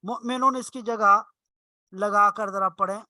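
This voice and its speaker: A male Arabic teacher leads an online class in a slow, bright voice. He explains each rule patiently, step by step, and stretches example words out long. The sound is dry and close. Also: sits high, fairly even intonation, dry recording.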